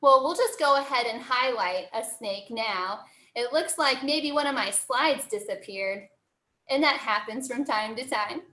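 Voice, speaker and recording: A woman's voice: on the high side, unhurried, sharp tone. An American woman working as a zoo educator, giving a live online lesson for children in a cheery, encouraging zookeeper manner. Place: indoor room, online video call. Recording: roomy, echoing sound.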